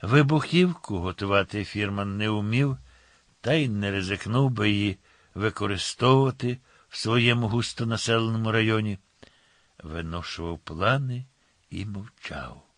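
A man narrating an audiobook in a measured, ironic storytelling manner. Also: fairly low pitch, a bit bright, no room sound. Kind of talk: scripted narration.

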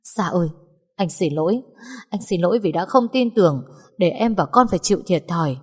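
A woman's voice: on the low side, expressive, brisk, slightly rough, in a large hall. Woman voicing a distraught young husband, raw anguish, audiobook drama. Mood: tearful. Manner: anguished shouting and tearful apology. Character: grieving enraged young husband.

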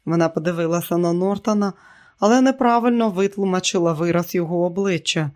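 A man reading a novel aloud as audiobook narrator, in a steady, even manner. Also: high-pitched, quick pace. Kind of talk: scripted narration.

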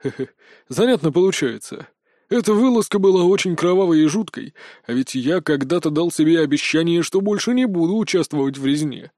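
A man's voice: a little high, lively intonation, fairly quick, mellow, no room sound, studio quality, lightly acted. A man voicing a stubborn, cocky old male mercenary in an audiobook, with a wry, boastful manner. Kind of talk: audiobook character voice.

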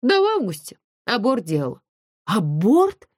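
A woman's voice: medium pitch, very animated, moderate pace, dry recording, studio quality. A woman voicing a brash, gossipy young female student who talks bluntly in chatty, teasing slang, as a character voice in an audiobook.

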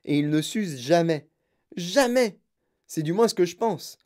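A narrator voicing an excitable, eccentric grown-man candy-maker who talks in boastful, bouncy exclamations. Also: medium pitch, unhurried, close to an everyday voice. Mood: boastful, excited.

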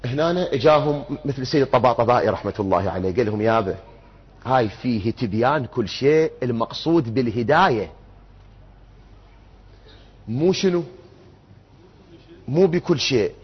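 A man's voice: medium pitch, lively intonation, moderate pace, pauses often, breathy edge. A man giving an interactive religious lecture, putting questions to his audience and answering them himself. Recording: muffled lo-fi recording.

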